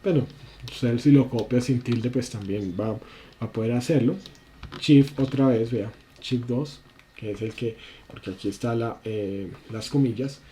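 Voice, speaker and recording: A man's voice: mid-range voice, measured pace, warm tone, slight background noise. A man instructing a class through a spreadsheet lesson on screen, talking through each step with many fillers and restarts. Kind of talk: screen-share software lesson.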